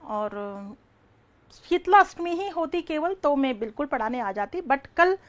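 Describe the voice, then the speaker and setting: A woman teaching an online exam-prep lecture, firing quick questions, repeating each answer and calling her students "beta". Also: high-pitched, expressive.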